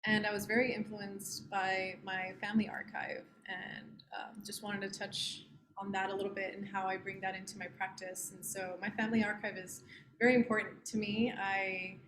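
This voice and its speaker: A woman's voice: medium pitch, level tone, moderate pace. Earnest young woman on a roomy call. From southern Texas, US. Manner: casual, earnest, many fillers. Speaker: artist presenting her work. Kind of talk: informal artist talk over video call. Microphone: computer mic on a video call. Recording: echoey room with background noise.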